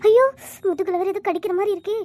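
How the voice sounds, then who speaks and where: A woman's voice: very high-pitched, steady tone, fast talker, a little mellow, faint music behind. A woman voicing a fretful young wife who fidgets and dodges questions in a cartoon. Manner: fretful, evasive.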